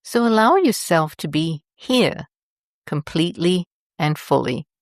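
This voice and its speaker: This guided meditation comes from a low-voiced woman who talks at a very unhurried pace, her delivery soft, calming, deliberate and expressive. The recording is intimate and dry, with no reverb from the room.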